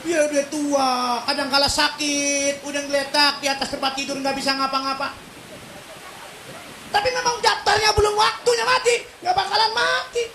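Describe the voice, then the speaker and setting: A man preaching a humorous sermon to a congregation, animated and joking, breaking into loud emphatic shouts and slow chanted verses. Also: very high voice, slight background noise. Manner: chants Quranic verses slowly. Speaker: Islamic preacher. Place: iftar gathering at a workplace prayer community.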